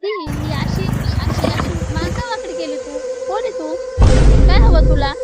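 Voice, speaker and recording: A woman's voice: very high-pitched, a little slow, over loud music. A woman acting as the older sister-in-law in a family skit, coaxing and questioning, then urging the children to run.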